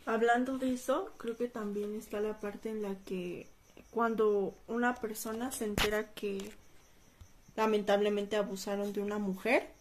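A young woman co-hosting a podcast, talking in a relaxed, casual way. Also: mid-range voice, normal speed, a little hiss or hum. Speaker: podcast co-host. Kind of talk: casual conversation.

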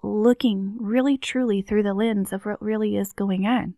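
A woman giving an earnest, slow motivational talk on healing and rest, often softening her voice to a near-whisper. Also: medium pitch, fairly even intonation, dry recording, clean studio sound. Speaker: wellness speaker.

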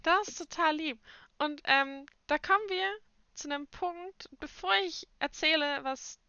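A young woman co-hosting a casual podcast chat, expressive and acting out little quoted dialogues. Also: high-pitched, a little slow, no echo, highs cut off. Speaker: podcast co-host.

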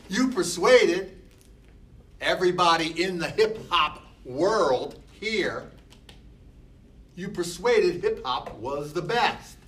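A man teaching a class, slow and emphatic, often talking back to himself in quoted dialogue. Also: high voice, animated, a bit bright. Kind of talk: classroom talk. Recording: noisy room, voice from a distance.

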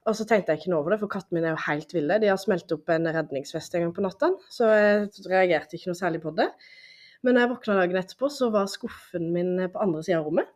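A young woman chats casually as a podcast guest. She tells her stories in an animated way and fills the gaps with plenty of "eh"s. Her voice sits somewhat low for a woman. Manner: animated storytelling, many fillers. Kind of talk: casual chat.

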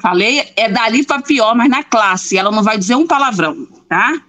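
A woman's voice: on the high side, animated, moderate pace, bright, forceful tone. Emphatic woman chatting on a live show. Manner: emphatic, repeats herself for effect. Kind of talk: casual chat.

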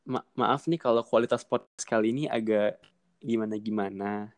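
A man's voice: fairly low pitch, steady tone, normal speed, dry recording. A young man from Medan with an Indonesian accent, hosting a podcast in a casual chatty style over an online call. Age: young adult. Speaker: podcast host. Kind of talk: casual chat.

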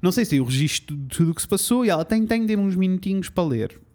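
A man's voice: sits high, animated, racing, darkish tone. A man with a European Portuguese accent, co-hosting a casual chat and telling a story, quoting people along the way. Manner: storytelling, quoting people, mixing in English phrases.

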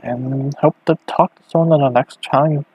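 A young man rambling hesitantly on his own podcast, talking low in his bedroom with a hand cupped over the mic. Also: steady tone, normal speed, a little mellow, breathy edge, dry recording. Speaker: podcast host. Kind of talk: casual solo podcast. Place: bedroom at home.

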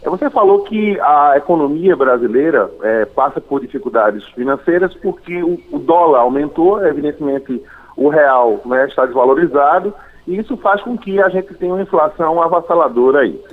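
A Brazilian man calling into a radio show over the phone, speaking in a formal, measured way and listing points one by one. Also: fairly high pitch, animated. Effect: phone-line call into a radio show. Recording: tinny phone line.

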